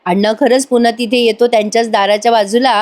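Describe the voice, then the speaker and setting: A woman with a fairly high voice recaps a soap episode in a chatty voice-over. She talks in a relaxed, conversational way, as if telling a friend what happened. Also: fast talker. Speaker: TV serial reviewer. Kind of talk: casual retelling of a soap episode.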